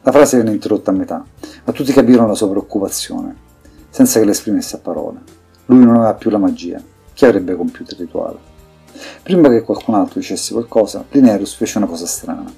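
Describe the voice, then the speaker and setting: A man reading scripted fantasy narration in an even, measured way. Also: lowish voice, vocal fry, husky. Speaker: audiobook narrator. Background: faint music.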